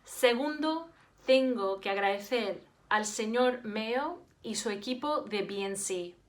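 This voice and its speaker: A woman's voice: on the high side, takes it slowly. A woman from Spain with a Spanish accent, a teacher giving a formal address and thanking her staff. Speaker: Spanish and French teacher, program director.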